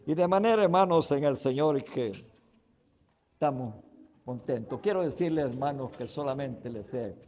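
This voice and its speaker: A man's voice: medium pitch, animated, normal speed. A man preaching a Sunday sermon as a guest preacher. He speaks in emphatic bursts and keeps calling out to his "brothers" with a questioning "right?" after almost every phrase. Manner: emphatic preaching with sudden loud stresses. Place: church sanctuary. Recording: long reverb of a church hall.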